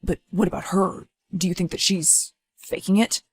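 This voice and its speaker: A woman playing a supportive, inquisitive male partner in a scripted story, low-key and dry. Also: fairly even intonation, moderate pace, breathy edge. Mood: curious.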